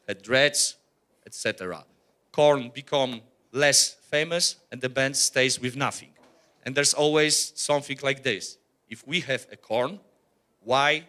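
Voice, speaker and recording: Bright-voiced man giving a talk. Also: medium pitch. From Poland. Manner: earnest, blunt, with many "uh" fillers and restarts. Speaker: workshop presenter, rock musician. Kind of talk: workshop presentation.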